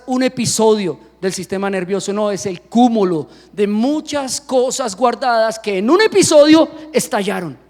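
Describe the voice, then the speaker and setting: A man preaching a sermon as pastor, animated, asking his congregation questions and breaking into sudden loud exclamations. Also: very high voice. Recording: long hall reverb.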